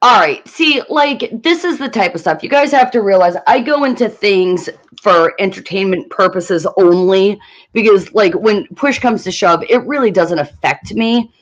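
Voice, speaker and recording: A woman's voice: medium pitch, animated, normal speed, highs cut off. A woman in casual chat, laid-back and joking, amused by what she talks about.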